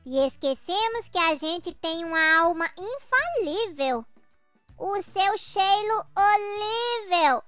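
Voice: extremely high pitch, lively intonation, slow pace, bright, forceful tone, no room sound, faint music behind, exaggerated voice. An actor voicing a smug, commanding little boy who schemes like a small villain in a children's comic dub.

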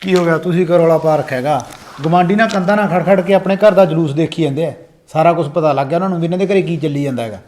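A man's voice: a little high, rapid-fire, darkish tone, slight background noise, natural voice. A man acting an elder brother who insistently reasons with his family to settle a household quarrel. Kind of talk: family comedy skit acting. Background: music.

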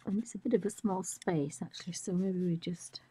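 An art tutor demonstrates a colouring technique live, her voice a bit croaky from a chest infection; she speaks softly and musingly, often fading into whispers. She has a fairly low pitch and a brisk pace, and there is a little hiss or hum.

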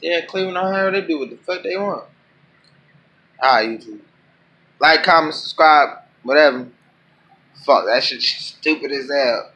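Guy going off on a video he's watching, cussing a lot, bright forceful voice, kinda high. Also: normal speed, long pauses. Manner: profane, animated ranting. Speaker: YouTuber reacting to a clip. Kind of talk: casual reaction commentary.

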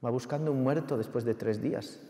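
Impassioned preacher in an echoey church. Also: male voice, mid-range voice, a little fast, dark tone. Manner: impassioned, rising to fervent exhortation. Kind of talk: sermon. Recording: echoey hall with long reverb.

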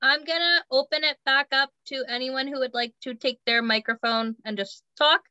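A woman moderating an online club meeting, speaking briskly and friendly. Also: high voice, steady tone, pushed and bright, smooth, no echo. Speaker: meeting host. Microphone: video call. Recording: dull, dry video call audio.

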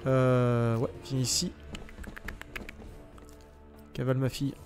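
A man's voice: medium pitch, little pitch movement, slow. A man giving casual, sarcastic commentary while playing a video game, swearing freely and muttering to himself. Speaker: gaming video host. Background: faint game music.

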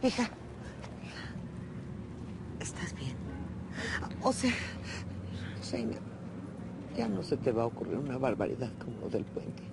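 Worried mother, very low gravelly voice, loud noise behind. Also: big pitch swings, moderate pace, pauses often, exaggerated voice. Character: worried mother asking her daughter.

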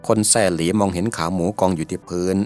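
Deep-voiced man narrating a folk tale. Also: fairly even intonation, quick pace, a little mellow, soft background music. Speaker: storyteller.

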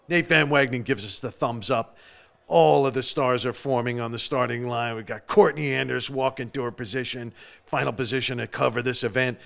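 A man's voice: mid-range voice, gravelly. Enthusiastic male broadcast host. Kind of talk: broadcast narration.

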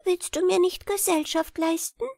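A woman's voice: very high-pitched, steady tone, normal speed, creaky, darkish tone, no room sound, studio quality, voice pushed up. A woman reading a friendly, wingless female glowworm, speaking in an inviting tone. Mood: gentle.

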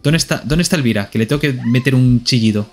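A man's voice: mid-range voice, quick pace, soft background music. Playful Spanish man narrating his gameplay. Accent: Spain Spanish. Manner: playful, talks to himself and to the game characters. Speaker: streamer. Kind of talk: live gameplay commentary.

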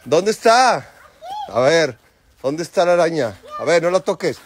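Mexican guy filming a home vlog, voice jumps all over, gets loud cheering the kids. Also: fairly high pitch, measured pace, slight background noise. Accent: Mexican Spanish. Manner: excitable, cheers and coaches kids loudly. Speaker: vlogger filming his family.

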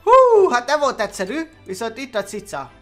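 A man's voice: very high voice, soft background music. A man doing chatty let's play commentary on a game, reading its story aloud and muttering to himself as he plays. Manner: animated, chatty, mutters under his breath. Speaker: gaming YouTuber.

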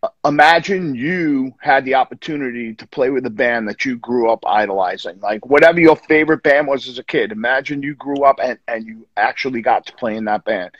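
A man's voice: medium pitch, brisk, slightly rough, dry recording. Man, 50s, New York accent, rambling casual guest, video call, lo-fi dull sound. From Long Island, New York. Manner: relaxed, rambling with many restarts and fillers. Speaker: guest musician. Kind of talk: casual interview chat. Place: home room, indoors.

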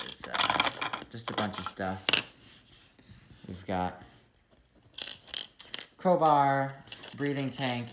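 A young man casually reviewing a toy set at a table, talking loosely with lots of fillers. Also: fairly low pitch. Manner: relaxed, many fillers and trailing asides. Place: room at a table with toys. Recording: echoey room with clear background noise.

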